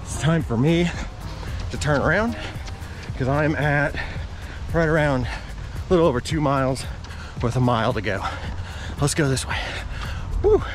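Guy doing a casual running vlog, talking as he runs outside, mid pitch, music clearly playing behind. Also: normal speed, pauses often. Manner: talking while out on a run. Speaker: running vlogger. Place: outdoors on a greenway trail. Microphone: action camera on a pole. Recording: music behind, outdoor action-camera sound.

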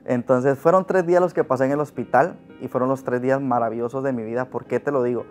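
A man's voice: mid-range voice, steady tone, fast talker, soft background music. A young man sharing a personal testimony with earnest, emotional storytelling, then leading a prayer. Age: young adult. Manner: earnest, emotional storytelling, often rising in loudness. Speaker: testimony speaker.

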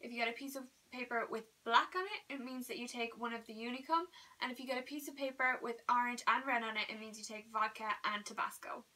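A woman's voice: a little high, quick pace, bright, forceful tone. A young woman vlogging casually with friends, giggly and dramatic, squealing often. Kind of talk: casual chat. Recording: slightly distant camera mic with faint hiss.

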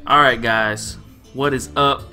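A man's voice: medium pitch, fairly even intonation, slow pace, over loud music. A young man casually commenting while he plays a computer game, joking crudely and swearing a lot. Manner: puts on silly accents to read game text. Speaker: gamer. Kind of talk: profane let's-play commentary.

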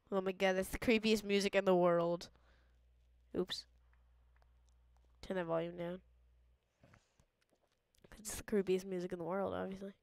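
A woman's voice: mid-range voice, a little mellow, no room sound. A woman giving playful, jokey let's-play commentary, mock-dramatic and often dropping into a whisper. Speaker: gamer.

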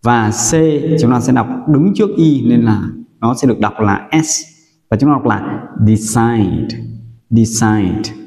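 A man's voice: medium pitch, a little mellow. A man from Vietnam teaching English vocabulary, saying each word several times and asking students to repeat after him. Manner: slow, drills words for repetition. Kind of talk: vocabulary pronunciation lesson. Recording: roomy echo with long reverb.

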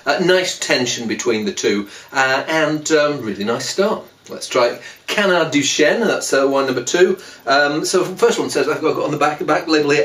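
A man's voice: fairly high pitch, a bit bright. A man, a wine critic, chatting casually as he tastes wines, with many hesitant fillers. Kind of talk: casual wine tasting talk. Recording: echoey room, a bit far from mic.

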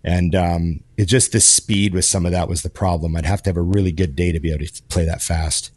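A man in his forties talks casually as a podcast co-host, rambling and restarting his sentences. His voice sits very low. The sound is dry and close, with no room around it. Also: fairly even intonation, a little fast, darkish tone, slightly rough, dry recording. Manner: rambling, heavy on fillers and restarts. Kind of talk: casual chat. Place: home studio with video call. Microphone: headphones and desk microphone.

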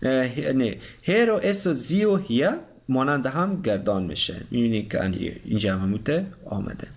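A man with an Afghan Dari accent teaching German grammar, pausing often with fillers and reading verb conjugations slowly. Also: medium pitch, big pitch swings. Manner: hesitant, many filler sounds, slow careful German conjugations. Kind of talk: explaining grammar, conjugating verbs aloud.

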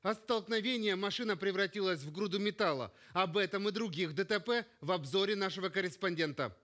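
A man opens the news bulletin from a television studio. His delivery is formal and measured, and his voice sits noticeably high for a man. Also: a bit bright. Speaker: news anchor.

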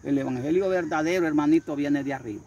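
An older man, a street preacher, telling his story in a husky voice with fervent repetition and acted-out voices. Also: fairly high pitch, fast talker, a little mellow, highs cut off. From Honduras. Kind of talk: storytelling interview.

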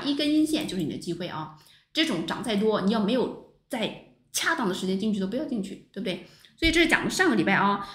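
A woman teaching a stock market lesson over chart screens, talking with lively rhetorical questions to her viewers. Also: medium pitch. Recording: roomy echo.

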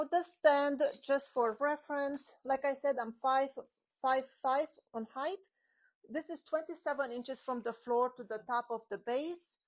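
A woman in her forties with a slightly high voice hosts a woodworking channel and chats casually through a step-by-step build in her home workshop, the garage door open. She explains as she works with boards and glue, and a small clip-on mic on her shirt picks her up.

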